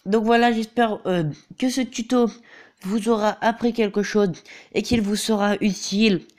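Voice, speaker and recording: A teenage gaming YouTuber with a head cold explains a game tutorial over on-screen footage at a moderate pace. His voice is high-pitched and fairly even in intonation, and he hesitates often, falling back on fillers like a repeated "donc voilà."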